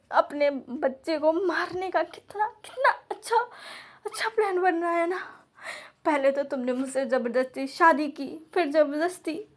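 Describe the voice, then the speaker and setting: A woman voicing a heartbroken young man who accuses loudly while crying. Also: extremely high pitch. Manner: accusing, loud and tearful.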